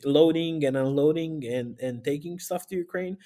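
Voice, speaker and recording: A man, speaking earnestly and haltingly as an interview guest, with sighs. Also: fairly high pitch, mellow. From Romania. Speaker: guest, aid volunteer and former pastor. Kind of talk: casual interview talk.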